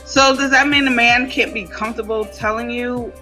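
A woman hosting a casual after-hours chat show in a playful, unfiltered way, often quick to laugh. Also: on the high side, fairly even intonation, pushed and bright, faint music behind. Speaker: talk show host.

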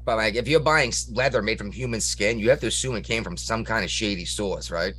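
A man's voice: on the low side, brisk, fairly bright tone, slightly rough. A man in a casual podcast chat, talkative and rambling, pushing provocative points.

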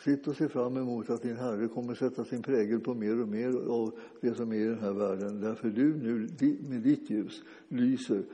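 A man preaching an informal sermon, speaking conversationally and haltingly with frequent restarts and fillers. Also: mid-range voice, steady tone, dark tone. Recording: dull lo-fi sound with long reverb.

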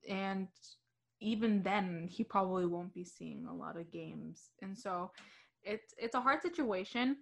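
A young woman co-hosting a hockey radio show, chatting casually with many fillers and quick laughs. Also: medium pitch, creaky. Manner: chatty, giggly, with fillers and restarts. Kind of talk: casual sports chat.

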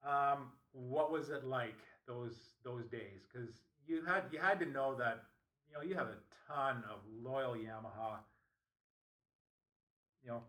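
Brief: male interviewer, rambling questions with lots of fillers, sharp bright tone, sitting back from the mic. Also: medium pitch, a little slow. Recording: voice distant from the mic.

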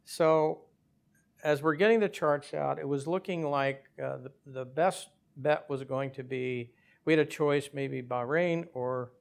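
An older man, a former airline captain, telling his story in an interview at a measured pace with small hesitations. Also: fairly high pitch, vocal fry, smooth. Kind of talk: conversational storytelling.

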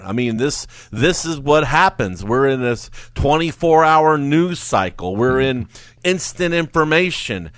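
A man hosting a radio finance show, talking in a casual, animated way and laughing often. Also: mid-range voice, no echo. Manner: animated, laughs often, mocks carefree investors in a sing-song voice. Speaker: financial adviser radio host. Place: radio studio. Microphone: studio mic.

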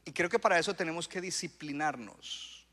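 Male pastor, sermon delivery, bright ringing tone with emphatic swells; long reverb of a church hall. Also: fairly high pitch, brisk. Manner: preaching with rising bursts of emphasis and audience call-outs.

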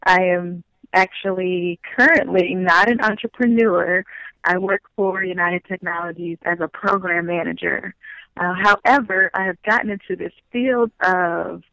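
A woman heard over a phone line as a podcast guest. Her voice is bright and sharp, with a dry sound and no room echo. She talks in a measured way, laying her points out one by one. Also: fairly low pitch, fairly even intonation, creaky. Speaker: interview guest.

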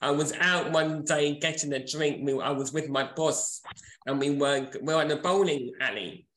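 A man's voice: a little high, normal speed, a bit bright, echoey room, low-quality recording. A man in his forties, a podcast co-host and author, chatting casually and laughing often. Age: 40s.

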